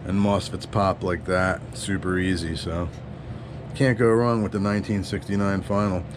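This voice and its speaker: A man's voice: low-pitched, steady tone, moderate pace. Slangy man demoing a CB radio, noisy background. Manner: slangy, upbeat, chatty. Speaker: CB radio builder. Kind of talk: casual demo narration.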